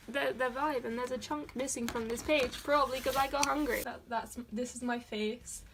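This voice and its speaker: A woman's voice: sits high, background noise. A young woman from Dorset, England, rambling and giggling as she talks through her sketchbook at her desk. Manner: giggly, rambling and self-deprecating. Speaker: artist showing her sketchbook. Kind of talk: casual sketchbook tour.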